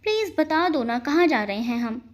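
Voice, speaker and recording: A woman's voice: high-pitched, sing-song, normal speed. A woman voicing a playful, affectionate young wife in a storybook romance. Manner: playful, pleading.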